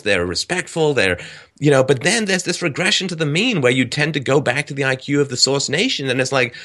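A man hosting an animated, casual discussion. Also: medium pitch. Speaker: podcast host.

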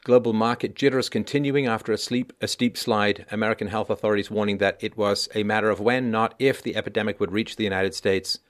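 A man hosting a news commentary show, reading out reports with deliberate, emphatic phrasing. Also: on the low side, steady tone. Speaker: online commentary show host.

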